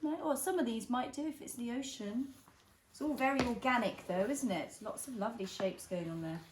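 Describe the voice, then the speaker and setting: Mum-style woman reading a picture book to a little kid, highish voice, chatty questions, echoey room. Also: a little fast. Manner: encouraging, asks the child tag questions. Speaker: adult reading with a child. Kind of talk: reading a picture book aloud to a young child, with chatty asides. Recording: roomy echo, clear background noise and clicks.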